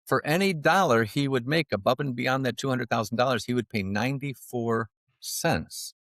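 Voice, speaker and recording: This podcast guest, a financial advisor, speaks in a mid-range voice at normal speed while telling animated, humorous stories. He laughs at his own jokes throughout the storytelling interview. Recording is dry and studio quality.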